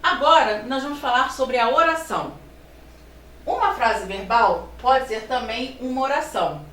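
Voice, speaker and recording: A woman teaching a grammar lesson. She explains step by step, asks rhetorical questions and slows down to stress her examples. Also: fairly high pitch, lively intonation, fairly bright tone. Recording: roomy sound from a distance, faint room noise.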